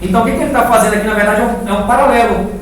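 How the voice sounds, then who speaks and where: Speaking very fast, a high-voiced Brazilian man teaches a church class live in a reverberant indoor room, using repeated words for emphasis and frequent questions to his listeners in a casual, didactic manner. The recording is very echoey and distant with faint noise.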